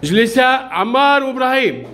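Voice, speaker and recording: A male primary school teacher running a brisk classroom quiz, calling on pupils by name and praising their answers. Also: very high voice, big pitch swings, pushed and bright, faint music behind.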